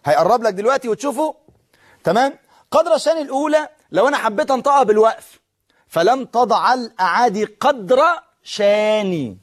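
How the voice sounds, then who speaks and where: A man with an Egyptian accent teaching Arabic on a televised lesson. He recites verse slowly and drawn out, and quizzes viewers. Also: extremely high pitch. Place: studio with a blackboard.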